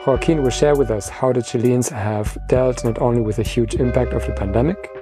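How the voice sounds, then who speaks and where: A man hosting a podcast, reading a measured, formal introduction and asking interview questions. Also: mid-range voice, music in the background. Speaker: podcast host.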